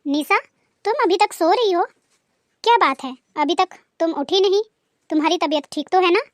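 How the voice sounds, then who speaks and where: A kind, hardworking sister-in-law in a cartoon, as a woman puts her on, gentle and caring in a high voice. She speaks politely and patiently. The recording is dry and close. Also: moderate pace, dry recording.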